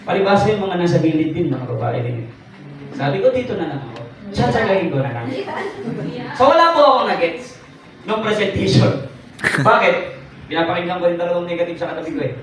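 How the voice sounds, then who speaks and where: A man's voice: high voice, very animated, brisk, pauses often. A young man telling a comic story about himself to a live audience, teasing the crowd with questions. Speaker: speaker sharing his testimony. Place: event hall. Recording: echoey hall, mic from a distance.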